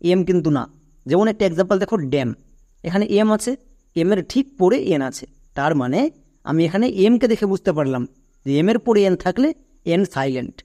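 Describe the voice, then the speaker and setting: A man's voice: a little high, warm tone. A man teaching English phonics step by step, patiently asking questions and answering them himself. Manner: patient, asks and answers his own questions. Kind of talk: step-by-step classroom explanation.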